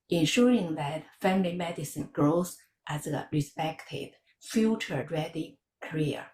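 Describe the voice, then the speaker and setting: A woman from China giving a prepared campaign speech in a measured, earnest way. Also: fairly low pitch, mellow, reverberant, slight background noise. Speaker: election candidate.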